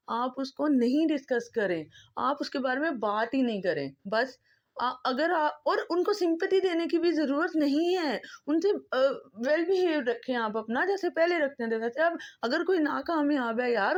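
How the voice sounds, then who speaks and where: A woman's voice: high-pitched, highs cut off. A woman vlogger from Pakistan speaking an impassioned, pleading monologue, emotional and close to tears, driving her points home by repeating them. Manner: impassioned, pleading, repetitive emphasis.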